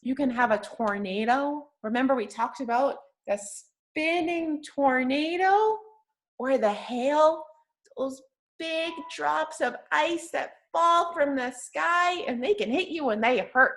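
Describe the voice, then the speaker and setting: In a high, fairly bright voice, a woman reads slowly to young children in a teacherly way. She keeps her language simple, patient, and encouraging, asking questions and giving praise along the way.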